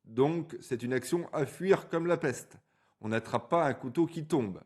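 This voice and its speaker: A man's voice: a little high, a little slow, darkish tone, husky. A man hosting a stock chart channel, giving blunt, colloquial market commentary over a screen recording, stumbling over words now and then.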